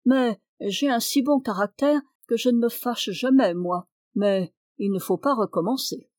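A woman's voice: fairly high pitch, a little slow, no room sound, close to an everyday voice. A sly young farmhand who never loses his temper and always has a mocking answer, voiced by a woman reading aloud. The lines come a little raised and pushed, over a dry, close recording with no room sound. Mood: impatient, mocking. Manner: calm and mocking.

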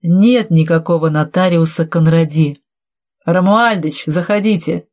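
Woman doing a cool sharp detective guy in a storybook, slow and cutting. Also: fairly low pitch. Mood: accusing. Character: calm shrewd male investigator exposing a poisoner.

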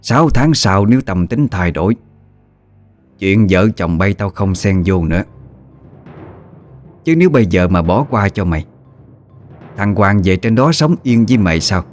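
A man's voice: fairly low pitch, expressive, darkish tone, lightly acted. A man doing a stern old family matriarch. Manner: stern, commanding, slow. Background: faint music.

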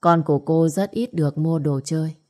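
A woman narrating an audio story in a steady, even read. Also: deep voice, moderate pace.

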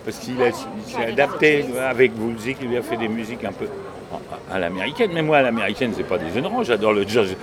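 An opinionated, slightly cynical man talks as a singer-songwriter guest in a loose radio conversation. He speaks in an animated way at an ordinary pitch for a man. Clear crowd chatter and traffic sit behind him in an urban outdoor spot. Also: a little fast. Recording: busy crowd noise behind.

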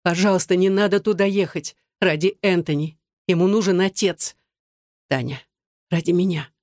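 A woman's voice: lowish voice, normal speed, darkish tone, dry recording, studio quality, natural voice. An audiobook reader voicing a desperate young woman who pleads through tears and murmurs. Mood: tearful anger.

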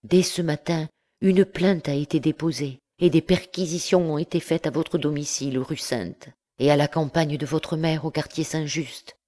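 A woman reading an audiobook, voicing a gentle, compassionate older priest who speaks softly and consolingly. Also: low-pitched, fairly even intonation, moderate pace, pitched above the performer's own voice. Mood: troubled. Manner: soft, consoling.

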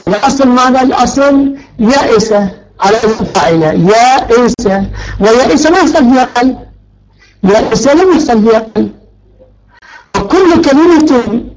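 A man's voice: extremely high pitch, dull audio. A male teacher giving a grammar lecture, stretching out key words and quizzing his students. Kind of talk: Arabic morphology lecture.

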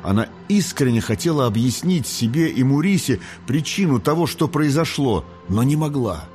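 A man reading an audiobook in a measured storytelling manner. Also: medium pitch, animated, a little mellow, soft background music. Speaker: audiobook narrator. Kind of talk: scripted narration.

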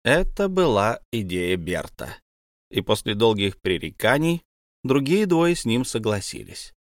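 Male storyteller, lively melodic delivery, dry close studio read. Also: on the low side, measured pace, no echo. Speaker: narrator. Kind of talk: audiobook reading of a fantasy tale.

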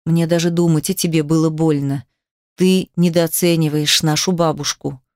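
Brief: woman reads brooding young man, soft low murmur, dry close sound, romance audiobook. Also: fairly even intonation, normal speed, dry recording. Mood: earnest.

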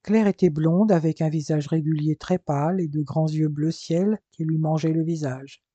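A narrator reading a story aloud in an even, unhurried way, in a dull lo-fi recording. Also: mid-range voice, dry recording. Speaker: audiobook narrator.

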